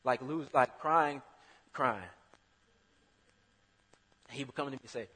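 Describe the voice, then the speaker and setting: A man preaching a sermon in a conversational way, breaking into loud, emphatic bursts. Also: mid-range voice, slow pace. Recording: long hall reverb.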